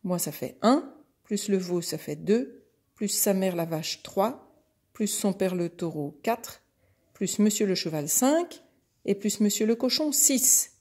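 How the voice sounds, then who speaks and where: A woman's voice: mid-range voice, lively intonation, slow pace, a little mellow, breathy edge, exaggerated voice. A woman voicing a clever, cheeky little female goat who counts in a sing-song way. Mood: playful. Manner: chanted counting.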